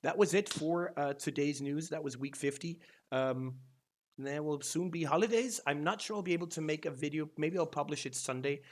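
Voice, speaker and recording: On the high side and at normal speed, a Danish man's voice carries a loose, rambling SEO news roundup on his channel, dotted with ums and false starts.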